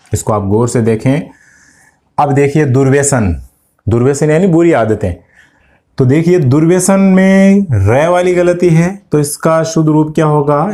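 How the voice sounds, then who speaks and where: Mellow-voiced man teaching grammar. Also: medium pitch. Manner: explains step by step, asks students questions; addresses students directly. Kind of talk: exam-prep lesson.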